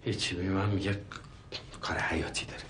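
A man's voice: fairly high pitch, big pitch swings, noisy background. An actor playing an irritable, skeptical middle-aged professor and father, exasperated and dismissive in a sitcom. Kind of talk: TV sitcom acting.

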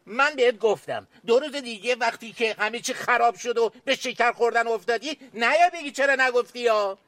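An actor playing a nervous business partner who anxiously warns and urges. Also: male voice, extremely high pitch, bright, forceful tone, dry recording. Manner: anxious, warning, urging. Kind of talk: TV drama acting.

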